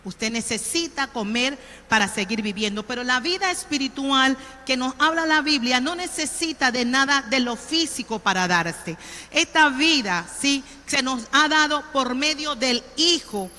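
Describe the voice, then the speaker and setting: A woman's voice: high voice, animated, measured pace, sharp tone. A woman pastor from Colón, Panama, with a Panamanian accent, preaching a sermon in a conversational way and often checking in with the congregation. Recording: reverberant church hall.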